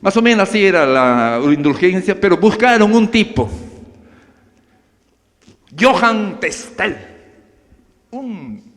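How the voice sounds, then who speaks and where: A man preaching an animated sermon in a church, often calling out to his brothers in the congregation. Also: high voice, slow, long pauses, big-room sound. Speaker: pastor.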